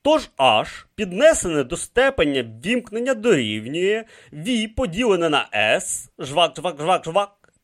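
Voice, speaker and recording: A man puts on a higher, lifted voice for an unflappable male camel genius in a storybook reading. The camel murmurs equations to himself, wholly absorbed and calm. The tone rises and bends in lively arcs. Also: unhurried. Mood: musing. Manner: muttering calculations to himself. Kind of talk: audiobook reading.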